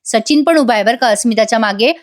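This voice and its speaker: A woman's voice: a little high, fast. A woman giving a chatty voice-over review of a TV serial episode, speaking directly to viewers.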